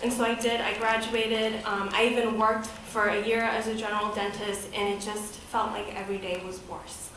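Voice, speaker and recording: A woman's voice: mid-range voice, level tone, normal speed, hardly any pauses, a bit bright, far from the mic, a little hiss or hum. A woman in her thirties from the United States, giving a candid, conversational personal talk as a guest presenter at a podium. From United States, grew up in Boston. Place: event hall, speaking at a podium. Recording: very echoey hall.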